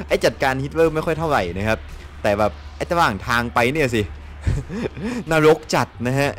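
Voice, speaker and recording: A young man with a Thai accent giving excitable gameplay commentary. He laughs often and swears mildly. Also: mid-range voice, slight background noise. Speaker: gameplay streamer. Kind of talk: casual let's-play commentary.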